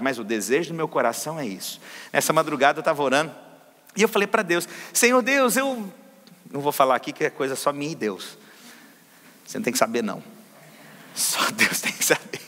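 A man's voice: a little high, pushed and bright, big-room sound. A man preaching a sermon as pastor, asking the congregation questions and answering them himself. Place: church service.

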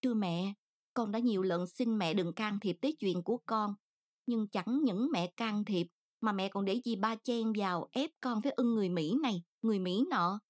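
A woman's voice: mid-range voice, moderate pace, natural voice. Storybook daughter, young woman, earnest and pleading, read by a female narrator.

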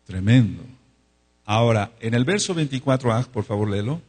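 A man's voice: mid-range voice, lively intonation, moderate pace, a little mellow, husky. A man preaching a sermon, drawing out words for emphasis and asking the congregation to repeat after him. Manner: calls for repetition and amens from congregation. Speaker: pastor.

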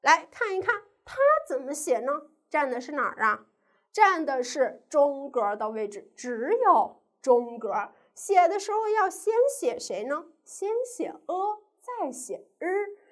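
A woman with a high voice teaches a lesson to young children. Her pitch swoops up and down a lot. She asks the class questions and stretches out each sound in a sing-song way. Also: big pitch swings, a little slow, a bit bright. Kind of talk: primary school pinyin lesson.

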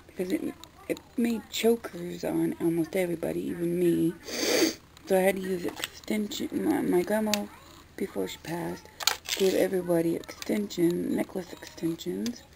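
A woman's voice: mid-range voice, creaky, warm tone, a little hiss or hum, rough recording. A woman vlogger talking loosely and chattily as she shows off her gifts, recorded on a phone. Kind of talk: casual haul vlog.

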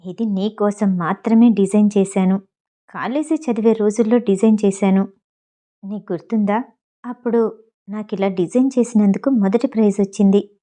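A woman voicing an obsessive, menacing young man who speaks low, quiet and cold. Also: steady tone, normal speed, lightly acted.

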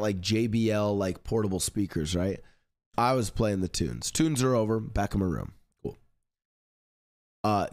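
A young man streamer telling a rowdy, swearing story in casual chat, acting out his friends' voices. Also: lowish voice. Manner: animated, swears freely, acts out friends' voices.

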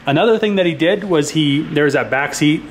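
Brisk and a little high-voiced, this man in his thirties hosts a laid-back YouTube car vlog, filler-heavy and conversational. He films first in a garage, then inside his home, with some slight background noise.

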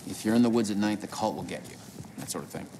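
Low-voiced easygoing small-town sheriff. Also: male voice, animated, fast. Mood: laid-back. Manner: laid-back, dry, folksy. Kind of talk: naturalistic video game acting. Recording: noisy ambient background.

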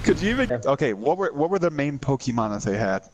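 A man with a slightly high voice banters with friends while gaming. He talks casually, swears freely and likes to needle the others. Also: very animated, quick pace, heavy background noise. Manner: profane, teasing banter. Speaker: gamer. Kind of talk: casual game chat.

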